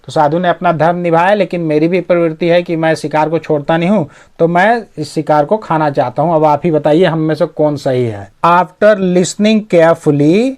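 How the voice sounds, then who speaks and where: A man works through an English story as a teacher. His voice sits a little high, and he reads each English line slowly. He then unpacks every word patiently in a bilingual lesson. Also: darkish tone.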